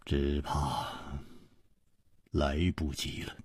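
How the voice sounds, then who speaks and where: A man voicing a calm, unflappable male hero in a storytelling reading, speaking low and quietly. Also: takes it slowly, breathy edge, no echo, studio quality, exaggerated voice. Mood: resigned.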